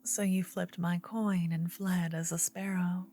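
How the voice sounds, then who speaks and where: A woman plays an earnest, gentle druidess in a fantasy ASMR role-play. The female voice is soft and rather low, moving between breathy soft voice and murmur. Delivery is very slow and intimate, with pauses, over quiet music. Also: level tone. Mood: curious, marveling. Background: soft medieval ambience and music.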